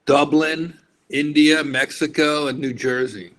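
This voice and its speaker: A man, a roast comedian trading deadpan one-liners and quick jabs in casual banter. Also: on the high side, slight background noise, poor audio.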